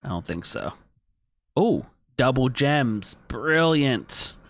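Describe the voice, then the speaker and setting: Very animated yet slow, this man's medium-pitched voice comes through a dry recording with clean studio sound. As a gaming streamer giving casual let's-play commentary, he thinks aloud, engages his viewers and reads on-screen text while he plays.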